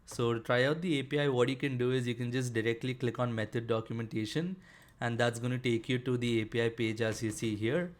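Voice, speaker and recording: A man's voice: medium pitch, flat delivery, fairly quick. A man presenting a screen-share programming tutorial, explaining casually with frequent fillers like "uh" and "basically".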